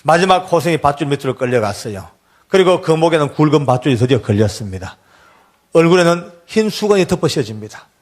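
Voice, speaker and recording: An older man stands before a congregation as a church elder and tells his story. He speaks earnestly and with deep feeling. His voice sits a touch high for a man. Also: sing-song, fast. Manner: earnest, deeply emotional storytelling. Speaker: church elder giving testimony. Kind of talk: emotional testimony sermon.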